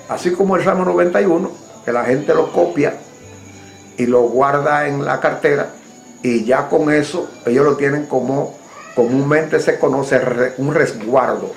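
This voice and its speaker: A preacher with a Dominican accent who speaks slowly and deliberately and puts direct questions to his listeners. His voice sits in the middle of the male range and carries the echo of a reverberant room. Soft music plays underneath. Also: medium pitch, vocal fry. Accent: Dominican Spanish. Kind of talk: sermon.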